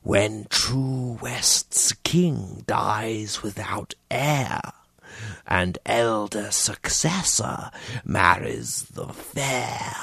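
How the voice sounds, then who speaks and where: A man doing an old sorcerer-priest in an audiobook, talking in a low, breathless hush. The voice is gravelly and husky and crawls along very slowly. It sounds dry and close, with no room around it. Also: no room sound, full character voice. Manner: low, breathless, whispery chanting. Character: old male sorcerer, fanatical high priest. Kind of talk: audiobook character reading.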